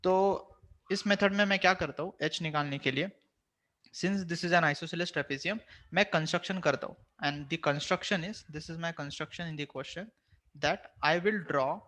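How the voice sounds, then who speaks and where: A man's voice: on the high side, takes it slowly, pushed and bright. A man with an Indian accent teaching a maths class online, mixing Hindi and English, firm but reassuring with his students.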